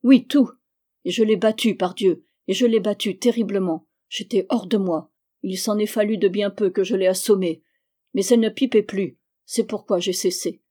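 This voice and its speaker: A woman's voice: medium pitch, fairly even intonation, moderate pace, close to an everyday voice. A woman reading as a jealous, furious island man. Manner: hushed, threatening.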